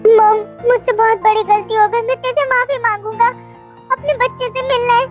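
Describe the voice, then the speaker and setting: A woman's voice: very high-pitched, fairly even intonation, normal speed, muffled recording, faint music behind. A woman voicing a remorseful young husband in an audio story, pleading desperately with his mother.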